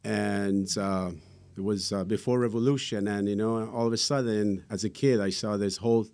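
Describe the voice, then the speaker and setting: A man's voice: fairly low pitch, steady tone, moderate pace, darkish tone, clean tone. A middle-aged man from Iran with an Iranian accent, answering interview questions earnestly and rambling with many fillers. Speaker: guest.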